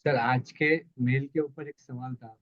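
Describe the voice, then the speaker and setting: A man's voice: mid-range voice, fairly even intonation, no room sound. Man on a choppy, breaking-up call. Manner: halting, fills with "matlab". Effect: choppy voice over a bad internet connection. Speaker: student in an online class. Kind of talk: asking a question on a call. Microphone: video call. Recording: dull lo-fi call audio, dry.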